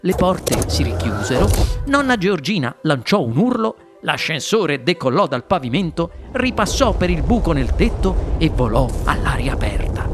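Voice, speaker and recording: Expressive storybook narrator, lively pitch. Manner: expressive, animated. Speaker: audiobook narrator. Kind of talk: children's storybook reading.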